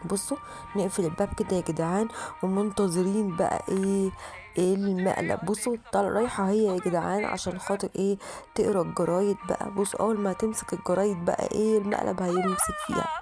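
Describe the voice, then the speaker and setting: A woman with an Egyptian Arabic accent doing excitable let's-play game commentary, constantly calling out to her viewers. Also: mid-range voice, fast, faint music behind. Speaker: gaming channel host.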